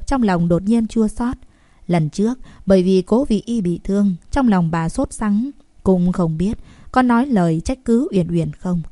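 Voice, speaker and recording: A woman narrating a novel in an even, steady voice of middle pitch. The reading is calm and measured. The recording is dry and close. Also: no echo. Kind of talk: audiobook narration.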